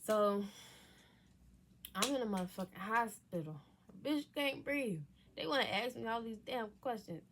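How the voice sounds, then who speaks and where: A woman's voice: on the high side, animated, moderate pace, noisy background. A young woman casually telling a personal story, candid and profane, dropping into whispers for asides. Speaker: vlogger telling her surgery story.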